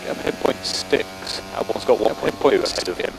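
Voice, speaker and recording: A man works as race engineer, relaying short, matter-of-fact instructions over race car radio. His voice is low, with obvious vehicle noise on the channel. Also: fairly quick. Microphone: radio headset.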